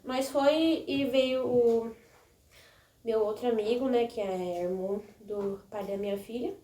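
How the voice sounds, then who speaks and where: A woman's voice: on the high side, unhurried, warm tone. A young woman vlogger casually telling her viewers a long personal story, rambling with many restarts and little questions. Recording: echoey room, mic a bit distant.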